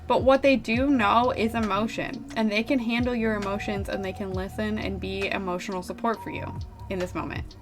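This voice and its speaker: A woman giving casual, chatty tarot readings on a live stream, talking informally and swearing now and then. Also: mid-range voice. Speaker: tarot reader.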